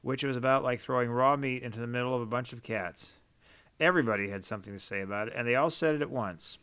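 A male audiobook narrator telling a story in a measured, even way. His voice is smooth and resonant, clear on every word. The pitch is in an ordinary middle range.

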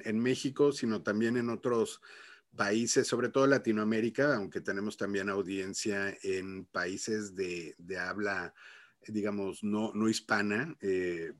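A man hosting a conversational interview podcast, speaking in halting phrases and often repeating words as he goes. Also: fairly low pitch, no room sound. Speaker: podcast host.

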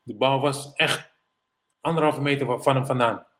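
Man from the netherlands, middle-aged, ex basketball pro, lively storytelling, mid pitch. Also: normal speed. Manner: animated anecdotes, mimics others in English quotes. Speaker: guest, former pro basketball player. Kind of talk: casual storytelling interview.

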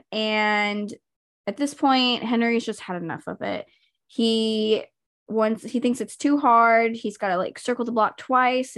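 A woman's voice: medium pitch, no room sound, studio quality. A woman hosting a podcast, recapping TV episodes in a chatty, rambling way, full of ums and likes. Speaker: podcast host.

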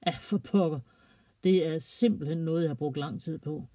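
A storyteller voicing a calm, kind older boy who talks in a reassuring way. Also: mid-range voice, no room sound, natural voice.

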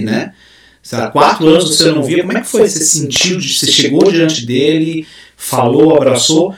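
Man, podcast host, rambling questions, very echoey room, far from the mic. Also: on the high side. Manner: rambling, restarts his questions. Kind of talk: casual interview questions.

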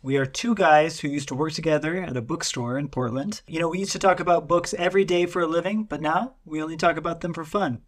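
A man's voice: a little high, fast, few pauses. A man co-hosting a book podcast, summarizing a story in a chatty, rambling way with filler words. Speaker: podcast co-host. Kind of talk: casual podcast chat.

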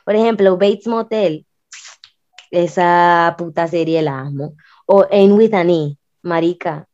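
A woman's voice: fairly low pitch, takes it slowly, a little mellow, no room sound. Emphatic Colombian woman, dry muffled sound. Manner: informal, emphatic, slangy. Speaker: podcast co-host. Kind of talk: casual, chatty podcast talk.

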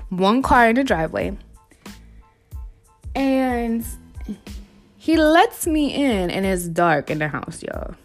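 A young woman casually telling a wild story to her listeners, animated and swearing freely, calling them y'all. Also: medium pitch.

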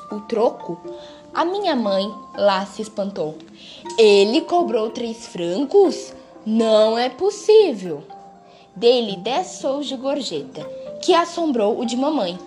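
A woman reading a story aloud in a measured, expressive way, with a few small restarts. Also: on the high side. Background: faint music.

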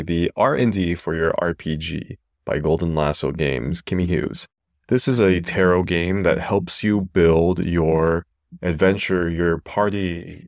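Man, low pitch, casual review segment, dry recording. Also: no room sound. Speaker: contributor giving a recommendation.

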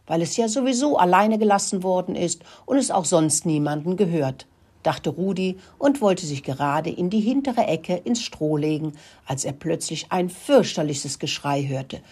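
An older woman with a husky voice narrating a children's story in a friendly, lively way. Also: lowish voice, moderate pace.

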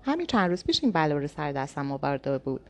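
A woman narrating a novel in the first person, in a calm, inward storytelling manner. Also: low-pitched. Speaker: audiobook narrator.

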